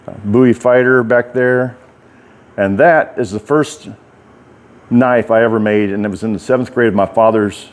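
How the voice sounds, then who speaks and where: A man's voice: on the low side, a little mellow. A middle-aged American man giving a casual, rambling walk-through tour in folksy, informal speech, talking out of the side of his mouth. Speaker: writer and bladesmith giving a workshop tour.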